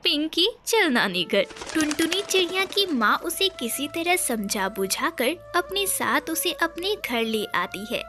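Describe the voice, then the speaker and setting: Female storyteller, expressive narration, very high and slow. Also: noisy background. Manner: dramatic, expressive.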